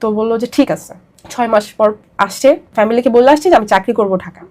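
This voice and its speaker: A young woman with a Bangladeshi accent, appearing as an interview guest, tells her own story in a fairly high, slightly mellow voice. She speaks fast, and her account pours out emphatically, with a lot of repetition.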